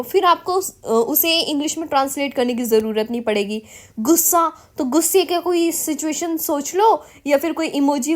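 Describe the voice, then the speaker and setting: A woman from India teaching spoken English in a Hindi-English mix, encouraging and addressing viewers as her children. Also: high voice. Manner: mixes Hindi with English phrases. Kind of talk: Hindi-English mixed lesson.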